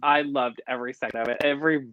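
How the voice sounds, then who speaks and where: A man co-hosting a casual review chat, effusive and animated, on a video call mic. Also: mid-range voice, fast, no room sound. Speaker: co-host. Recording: dull lo-fi dry sound.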